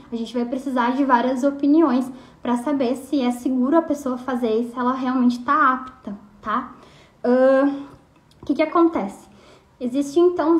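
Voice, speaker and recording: High-voiced chatty woman nutritionist, roomy echo. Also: a little mellow. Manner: chatty, frequent tag questions and fillers. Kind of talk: casual explanatory talk.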